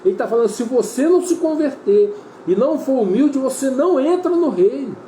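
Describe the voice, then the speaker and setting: A Brazilian Portuguese-accented man preaches in a high, warm voice, earnest and repetitive as he calls his listeners brother. The sound is roomy and echoey, with faint ambient noise behind him. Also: animated, brisk. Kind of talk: sermon.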